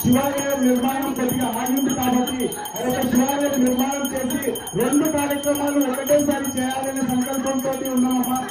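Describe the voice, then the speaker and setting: Really echoey, music behind, man pleading respectfully in a formal devotional way, flat tone. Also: very high-pitched, brisk. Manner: deferential, pleading. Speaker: temple committee representative. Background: music, bells.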